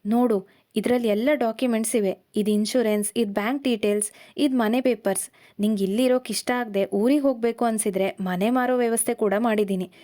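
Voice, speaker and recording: A woman voicing a calm, gentle young husband in a storybook reading, speaking softly and steadily. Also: on the high side, a little fast, close to an everyday voice. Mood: gentle reassurance.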